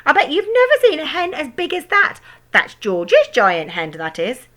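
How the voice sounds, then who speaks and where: A shrieking, cackling old grandmother yells at everyone in a storybook , voiced by a woman reading aloud. Her voice soars far above an everyday speaking pitch and leaps about wildly. The tone is bright and piercing. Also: huge pitch swings, a little slow, exaggerated voice. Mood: cackling boast. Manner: shrill, shouting, cackling.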